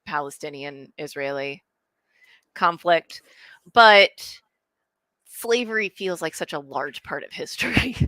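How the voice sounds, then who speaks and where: A woman's voice: low-pitched, animated, slow pace, pauses often, sharp tone, dry recording. A young adult woman from Ukraine hosting a casual book club discussion, thoughtful and hesitant with many restarts.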